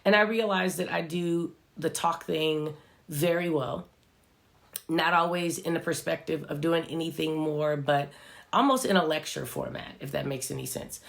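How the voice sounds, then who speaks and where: A social media vlogger, stuffy from a cold, gives an earnest, reflective motivational talk directly to viewers, sprinkling in fillers like "right" and "you know." The congested voice is mid-range, creaky and a bit bright, expressive and at normal speed.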